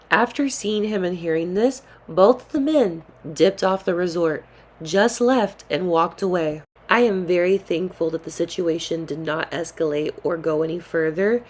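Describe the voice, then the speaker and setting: A young adult woman vlogger telling a personal story in a calm, earnest way, with casual slang. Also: lowish voice. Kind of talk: storytime narration.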